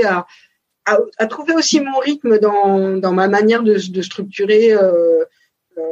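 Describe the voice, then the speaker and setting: Forties female founder, husky, thoughtful and halting, interview guest on a dull lo-fi recording. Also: medium pitch, a little mellow. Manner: thoughtful, hesitant with many fillers. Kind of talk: casual interview conversation. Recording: dull lo-fi sound.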